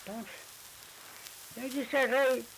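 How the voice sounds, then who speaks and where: Man telling an old folk tale, high creaky voice, slow, rambly, frying sizzle faint behind. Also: fairly even intonation, fairly bright tone, slight background noise, rough recording. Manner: halting, rambling, repeats phrases. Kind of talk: oral folk tale storytelling.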